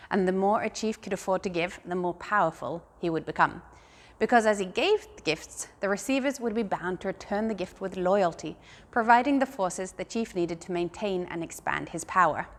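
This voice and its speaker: A woman giving a scripted guided tour as a museum guide, explaining things in a calm, measured way. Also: medium pitch.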